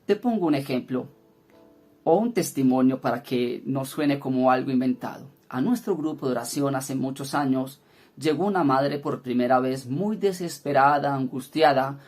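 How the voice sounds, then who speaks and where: A man speaks earnestly, recounting a healing testimony in the manner of a prayer group leader. His voice sits at an ordinary middle pitch, and he pauses often on hesitant fillers as he builds the story. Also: a little mellow. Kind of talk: spoken testimony teaching.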